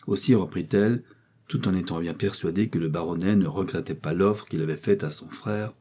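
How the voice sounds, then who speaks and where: Male audiobook narrator, low pitch, mellow dark tone, measured literary reading. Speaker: audiobook reader. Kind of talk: novel narration.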